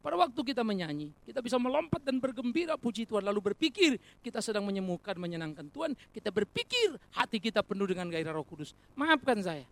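A man preaching a sermon as pastor, animated and colloquial, with rhetorical questions, humorous asides and direct address to the congregation. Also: sits high, fast, hardly any pauses.

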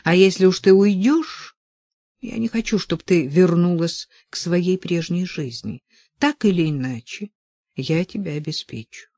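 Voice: medium pitch, a little slow, darkish tone, dry recording. A reader voicing a commanding, wealthy man who reasons insistently with his lover, in audiobook dialogue.

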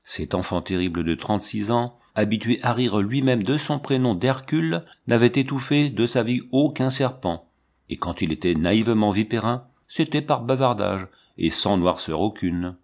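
A man narrating a classic story as an audiobook reader, in a measured way. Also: lowish voice, lively intonation. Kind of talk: scripted literary narration.

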